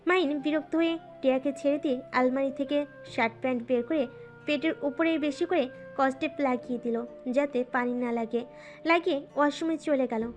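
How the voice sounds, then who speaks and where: Female narrator for a romance audio story, high and smooth over faint music.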